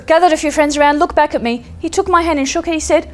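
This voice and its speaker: An Australian woman telling a story on stage, lively and acting out the voices of the people in it. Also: high voice, fast. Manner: lively, acts out voices and laughs at her own jokes. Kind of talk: live storytelling talk. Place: stage before an audience.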